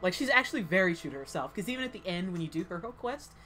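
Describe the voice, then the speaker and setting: A woman's voice: on the low side, animated, rapid-fire, fairly bright tone, faint music behind. Rambling woman chatting over gameplay. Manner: rambling, fillers of "like", heated but cheerful. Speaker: gameplay commentator. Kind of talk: casual gameplay chat.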